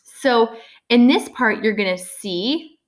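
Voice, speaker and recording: A woman's voice: fairly high pitch, expressive, slow. A woman teacher explaining a lesson in a casual way, full of filler words, often checking in with "right?".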